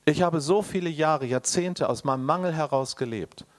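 A man preaching a sermon, addressing the congregation directly and swinging between loud emphatic bursts and quiet, intimate asides. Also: on the high side, normal speed. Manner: addresses the listener directly and personally.

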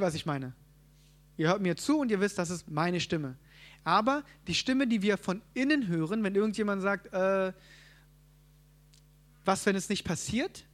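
A man preaching a sermon, teaching a group and asking them questions. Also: high voice. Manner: asks the audience questions, quick asides.

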